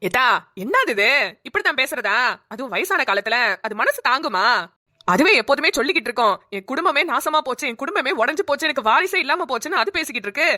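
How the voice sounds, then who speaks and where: A woman voicing a scolding, sharp-tongued village neighbor in a cartoon. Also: sits high, lively intonation, fast talker. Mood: concerned. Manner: scolding, rustic. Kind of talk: cartoon voice acting.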